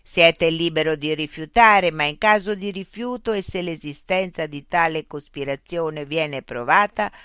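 A narrator voicing a pair of robotic guard automatons who croak formal warnings in unison. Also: medium pitch, measured pace, few pauses, pushed and bright, dry recording, studio quality.

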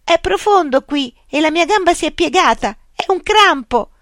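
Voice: medium pitch, normal speed, no echo, studio quality, pitched above the performer's own voice, lightly acted. Eager young boy, Luca, as a narrator puts him on. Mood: panicked. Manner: excited, bright calls. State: shouting for help from far off in water.

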